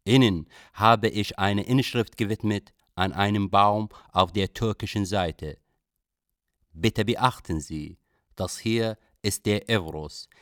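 For a radio drama, an actor plays a young Iraqi refugee poet recounting his flight in a measured, reflective, literary style. His voice sits on the low side, and the recording is dry and studio quality.

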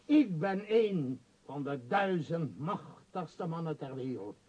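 In a radio drama, an actor plays a vain, powerful middle-aged tycoon who persuades with arrogance, sounding pompous, emphatic and scornful. The man's voice is fairly high and expressive, delivered slowly with a darkish tone.

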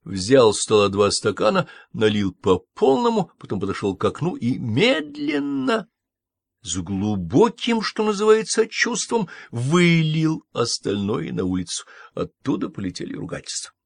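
A man narrating a literary novel with expressive, ironic storytelling. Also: mid-range voice, measured pace, gravelly, no room sound, studio quality. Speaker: audiobook narrator.

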